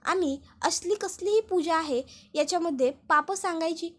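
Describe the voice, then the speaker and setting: A boastful, ruthless older man who brags and sounds suspicious, read out by a woman narrator. The voice stays high-pitched throughout, like a recap reader's own. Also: moderate pace.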